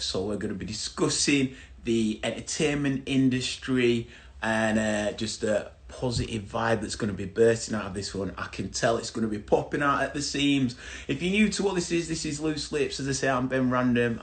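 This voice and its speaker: A man's voice: mid-range voice, fairly bright tone. Upbeat Yorkshire male host, plain-spoken, mid-range voice, casual call chat.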